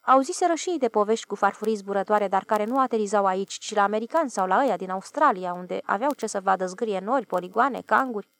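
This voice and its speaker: A woman narrates an audiobook with steady, measured storytelling. Her pitch sits in a middle range. The recording is dry and close with no room sound. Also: no room sound.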